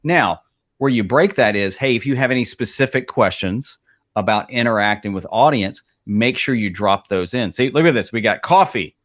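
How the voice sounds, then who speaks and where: A man's voice: on the low side, expressive, moderate pace, fairly bright tone. Rambling man co-hosting a streaming show. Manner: rambling, many restarts and fillers. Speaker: live streaming co-host. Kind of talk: casual chat.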